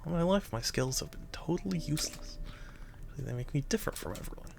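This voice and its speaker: A man voicing an earnest, self-doubting bug ambassador in a video game, speaking softly and hesitantly. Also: on the high side, expressive, fast talker, creaky, over music. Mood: meek, earnest. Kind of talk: reading video game dialogue aloud.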